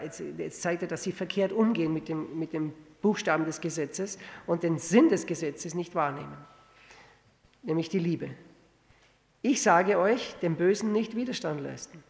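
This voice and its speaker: A man with a gravelly, creaky voice preaches a verse-by-verse sermon in a conversational way. He stumbles into restarts and keeps checking in with his listeners through rhetorical questions. His voice rings out with a long reverb in a church hall. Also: fairly high pitch, normal speed, a little mellow. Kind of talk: sermon, verse-by-verse Bible exposition.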